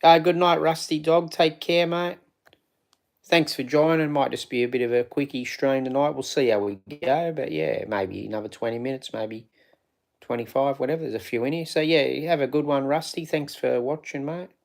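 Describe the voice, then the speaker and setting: Male streamer, gravelly voice, loose rambling chat, greets viewers by name. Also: medium pitch, fairly even intonation, moderate pace. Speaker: live streamer. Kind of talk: casual live stream chat.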